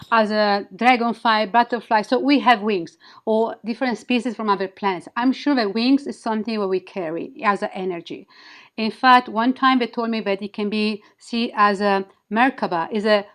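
A woman with non-native English phrasing, gently and reassuringly explaining and leading a guided meditation in a smooth, clear voice. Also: a little high. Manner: gentle, reassuring, simple encouragement. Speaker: spiritual healer, guest leading a guided activation.

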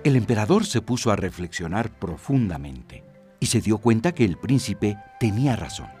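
Animated low-voiced male storyteller. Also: moderate pace, music in the background. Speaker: narrator. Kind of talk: children's storybook narration.

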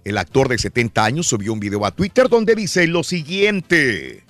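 A man's voice: mid-range voice, normal speed, no echo, faint music behind. A man hosting a radio show, reading news items and joking with co-hosts. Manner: animated, shifts between news reading and joking.

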